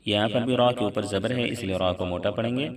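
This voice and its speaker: A man's voice: lowish voice, recorded from a distance. Quran tutor, male, patient step-by-step tajweed lesson, voice set back from the mic. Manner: explains each letter plainly, then recites slowly and drawn out. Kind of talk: tajweed lesson with slow chanted recitation.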